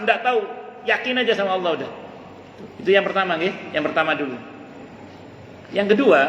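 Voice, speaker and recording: Man, preacher; earnest, chatty sermon delivery, pitched slightly up, roomy mosque reverb with faint ambience. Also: a bit bright, slight background noise. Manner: earnest and conversational, asks and answers himself. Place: mosque hall. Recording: echoey mosque hall with long reverb.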